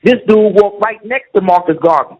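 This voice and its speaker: This middle-aged man has a high voice and a moderate pace, speaking as a guest in casual conversation. He drives his points home and keeps asking "you see what I'm saying," and the recording is muffled and lo-fi.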